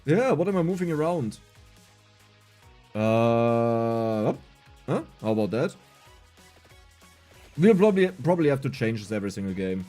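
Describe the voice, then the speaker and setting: A man's voice: fairly high pitch, big pitch swings, a little fast, long pauses, mellow, soft background music. A young adult man with a German accent, streaming a game, reading chat aloud and answering it with self-mocking humor. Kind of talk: casual livestream gameplay chat.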